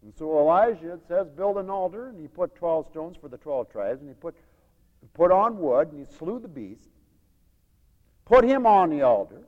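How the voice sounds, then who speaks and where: Animated preacher man in a reverberant hall. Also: fairly high pitch, normal speed, phone-quality sound. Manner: dramatic storytelling, acting out crowds, swinging from loud shouts to hushed asides. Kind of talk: sermon.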